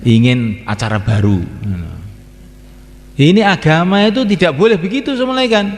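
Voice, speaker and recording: A man's voice: high-pitched, lively intonation, moderate pace. A man from Indonesia, preaching to a gathering and repeating his phrases again and again. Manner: repeats phrases, sings call-to-prayer lines. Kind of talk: religious talk to a gathering. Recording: long hall reverb.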